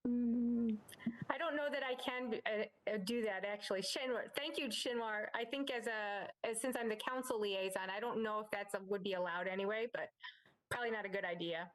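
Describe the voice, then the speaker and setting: A woman's voice: medium pitch, normal speed, rough recording. A woman serving as council liaison, explaining herself politely on a video call. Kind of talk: meeting talk.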